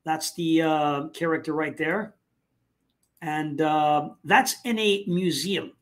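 A man hosting a live online talk show, speaking casually with many fillers and pauses. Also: a little high, fairly even intonation, a bit bright. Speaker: host.

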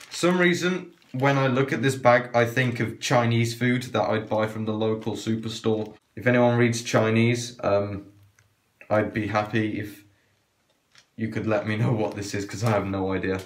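Brief: low-voiced man, muffled by a cloth mask, rambling gear-review chatter in an echoey room. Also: measured pace. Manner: chatty, hesitant, trails off with fillers. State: talking through a cloth mask. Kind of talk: casual unboxing review.

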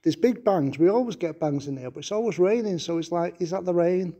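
A high-voiced man with a Manchester accent speaks briskly as he politely appeals to a spirit in a stone castle room at night, coaxing it and repeating requests with "please." His tone is dark, and the recording's high frequencies are cut off.

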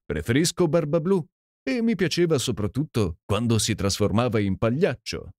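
A man reading an audiobook and voicing a boisterous, jovial Canadian gentleman with a hearty, exclamatory manner. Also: medium pitch, big pitch swings, normal speed, dry recording. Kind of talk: audiobook character voice. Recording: dry close sound.

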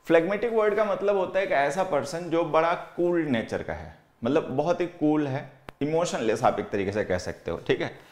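A man teaching English vocabulary in Hindi, with an Indian English accent. He explains slowly and repeats words. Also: fairly high pitch, animated. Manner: explains slowly, reads example sentences aloud word by word, repeats words; keeps saying "theek hai" while writing on the board. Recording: echoey room.

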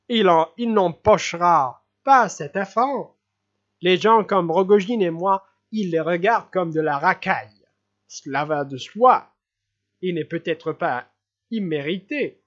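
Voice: mid-range voice, highs cut off. An audiobook reader voicing an eager, fawning male officer who earnestly offers his services.

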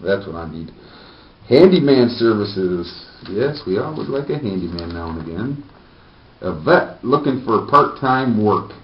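A man in his thirties reads aloud and tosses in sardonic wisecracks. His pitch moves around a lot, and he is recorded in a roomy space a little way from the mic. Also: lively intonation, measured pace, slight background noise. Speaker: host of a homemade comedic news show. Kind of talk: casual comic commentary while reading a newspaper. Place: small plain room indoors. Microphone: distant camera microphone. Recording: echoey, muffled, distant camera microphone.

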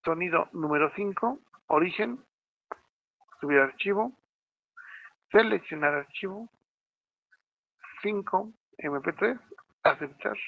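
A man with a Mexican Spanish accent walks students through a programming tutorial one step at a time, often pausing to ask if they are following. His voice sits a little high and has a gravelly edge. The sound is tinny and narrow, like a phone line, with no room echo. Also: lively intonation. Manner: step-by-step, checks in with frequent "¿sí?". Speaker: teacher. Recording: tinny phone-like audio, dry.

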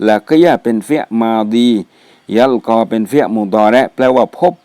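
A man's voice: mid-range voice, a little fast, warm tone, no echo. A man teaching a religious studies class, reading out Arabic vocabulary words twice each and then giving their meanings. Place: mosque.

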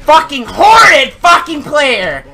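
A man's voice: very high-pitched, sing-song, takes it slowly, creaky, bright, forceful tone. A young man streaming video games, reacting as a raging gamer who screams and curses in fury. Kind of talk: live gaming stream reactions. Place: furnished room at home. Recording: very noisy game audio, gunfire. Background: video game gunfire and clicks.

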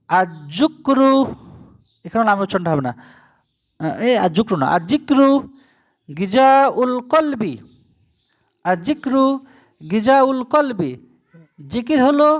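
A teacher works through a recorded language lesson. The voice draws each foreign phrase out slowly, then switches to brisk explanatory asides. Rhetorical questions to the listener keep coming back throughout. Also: medium pitch.

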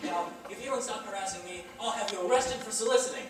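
A stage performer playing a prim, easily offended gentleman who sounds indignant, fussy and flustered. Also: medium pitch, quick pace, a crowd in the background, natural voice. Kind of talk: high school stage play. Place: school auditorium stage. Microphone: far camera. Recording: echoey hall from far off.

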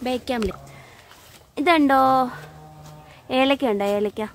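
A woman's voice: high voice, measured pace. A young mother chatting in a casual vlog, coaxing her little child and narrating a walk through a cardamom plantation. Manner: coaxing baby talk mixed with chatty narration. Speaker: mother vlogger. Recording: noisy outdoor ambience.

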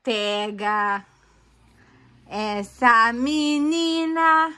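High bright-voiced Brazilian woman vlogger. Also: steady tone, drawn-out words. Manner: coaxing, playful, talks to viewers as "pessoal". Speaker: family vlogger host. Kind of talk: casual home vlog with a toddler. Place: toy corner in a home, indoors.

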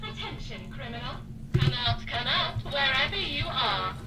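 Police robot, megaphone-like robotic voice, high, cold commands, distant. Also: female voice, expressive, unhurried, very noisy. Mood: taunting. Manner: cold, formal, relentless commands. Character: menacing female police robot hunting a fugitive. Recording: echoey, distant game audio over loud music. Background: loud game music.

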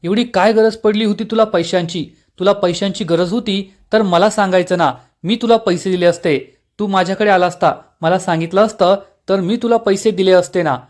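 A concerned young brother asks why he was not told, read by a man. The voice is high for a man and stays close to his own narration. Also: steady tone, moderate pace, lightly acted. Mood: hurt. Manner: hurt, questioning.

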